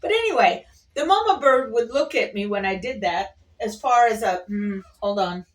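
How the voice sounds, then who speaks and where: Speaking from an airport workplace and heard from a distance, this woman vlogger has a slightly high, animated voice at a moderate pace. She rambles through casual stories to camera, chatty, folksy and playful.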